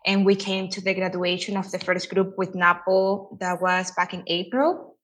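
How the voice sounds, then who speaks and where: A woman's voice: lowish voice, fairly even intonation, moderate pace, a bit bright. A woman from El Salvador, a guest in a casual interview, chatting with many "you know" fillers.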